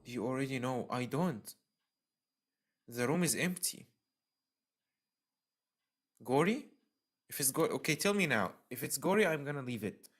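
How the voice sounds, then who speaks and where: A man's voice: mid-range voice, lively intonation, brisk, fairly bright tone. A man reads a horror visual novel aloud on his stream, lingering over the narration. He breaks into emotional outbursts between passages, in an ordinary mid-range voice. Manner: dramatic reading mixed with emotional outbursts. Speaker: game streamer.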